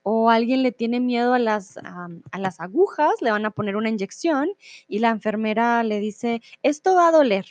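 A woman's voice: fairly high pitch, normal speed, darkish tone, no room sound. A woman teaching Spanish on a live stream, explaining expressions patiently and reading out viewer comments. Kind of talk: live-streamed language lesson.

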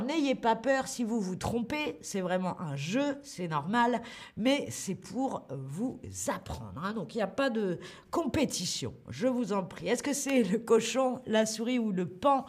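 A woman leads a live online French lesson, her voice sitting a little high. She talks slowly and clearly, encouraging viewers and greeting them by name as she goes. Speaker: French teacher hosting a livestream.

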